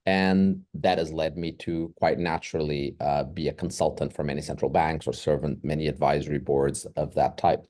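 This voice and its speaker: A middle-aged man from Portugal, an economics professor, explaining in a measured, lecturing way with rhetorical questions. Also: very deep voice, steady tone, mellow.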